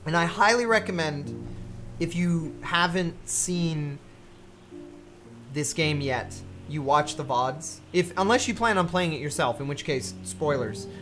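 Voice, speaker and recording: Chatty game streamer, mid-pitched. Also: animated, unhurried, fairly bright tone, soft background music. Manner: chatty, laughs often, many fillers. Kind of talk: casual let's-play commentary.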